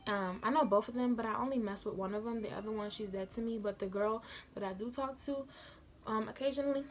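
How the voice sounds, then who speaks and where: A woman's voice: a little high, quick pace, a little hiss or hum. A young woman telling a personal story casually into a phone camera, chatty and slangy, building the drama as she retells it. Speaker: vlogger.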